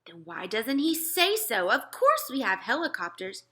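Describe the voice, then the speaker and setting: Lady doing a huffy air force boss, proud, sceptical, bright lively voice, storybook read. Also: fairly high pitch, normal speed, voice pushed up. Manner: huffy, sceptical military bluster. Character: proud, easily offended male air force chief. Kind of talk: children's storybook read-aloud.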